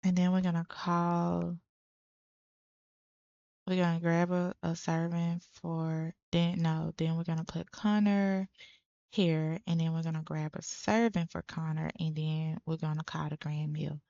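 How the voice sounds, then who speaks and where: A young woman chatting through her gameplay, exclaiming often to her viewers. She speaks at an unhurried pace in a mid-range voice. The recording is dry with a slightly dull, muffled tone. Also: low voice, flat delivery, creaky, mellow, no room sound. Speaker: let's play creator. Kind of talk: casual gameplay commentary.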